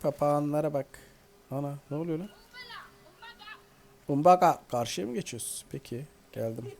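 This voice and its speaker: A man's voice: fairly high pitch, expressive, fairly quick, creaky, a little mellow. Joking man narrating his gameplay. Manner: playful, joking, talks to the game. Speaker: gaming video host. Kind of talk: casual let's-play commentary.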